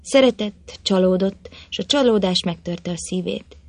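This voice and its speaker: A woman's voice: mid-range voice, a little mellow, no echo. Woman narrating a tale in a dry voice. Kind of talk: storybook narration.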